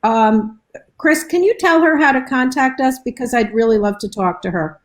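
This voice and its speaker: A woman guest chats in a friendly way on a live video call. Her voice is a little higher than average. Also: normal speed. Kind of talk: casual live video chat.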